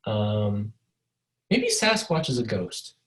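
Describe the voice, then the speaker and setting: A man's voice: lowish voice, very animated, slow, rough recording. A man co-hosting a podcast in casual chat, rambling and swearing as he jokes, speaking over a video call. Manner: rambling, profane and joking. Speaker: podcast co-host. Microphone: video call over a mobile hotspot.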